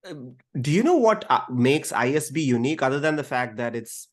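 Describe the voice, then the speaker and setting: A man's voice: mid-range voice, very animated, a little fast. Curious man asking questions. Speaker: podcast host. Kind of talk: casual interview chat.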